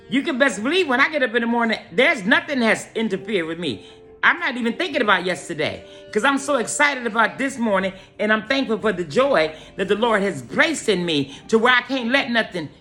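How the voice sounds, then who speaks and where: A woman delivers an inspirational morning message, swinging her pitch high and low as she exhorts her listeners. Her voice is bright and forceful, with a preachy, call-and-response feel. Faint music sits underneath. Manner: animated exhortation, addressing listeners as y'all and honey. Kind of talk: preachy motivational talk.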